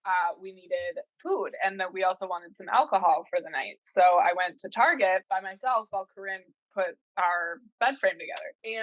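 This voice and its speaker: A woman's voice: medium pitch, fairly bright tone, dry recording. Laid-back young woman on a dull call line. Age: 20s. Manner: chatty and laughing, swears casually. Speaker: podcast co-host. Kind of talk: casual chat. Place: her new apartment, indoors. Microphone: video call. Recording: dull dry video-call audio.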